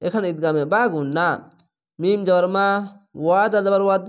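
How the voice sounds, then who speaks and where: A man teaching Quran reading, spelling out Arabic words slowly syllable by syllable. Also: high-pitched, fairly even intonation, smooth. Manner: slow, drawn-out syllable-by-syllable spelling and chanting. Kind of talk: spelling-out Quran recitation lesson.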